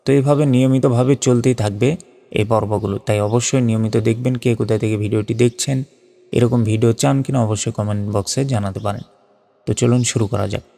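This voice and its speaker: A man's voice: on the low side, vocal fry, dark tone. A man teaching Quran reading, reverberant. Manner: patient, methodical, drawn-out chanted recitation of verses. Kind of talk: spelling out and reciting Arabic letter by letter.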